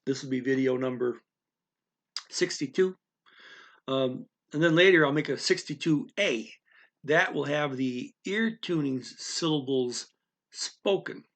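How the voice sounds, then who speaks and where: Here a teacher whose first language is English rambles casually through a lesson aimed right at the learner, often restarting and asking "okay?" along the way. His mid-range, slightly bright voice moves at an unhurried pace.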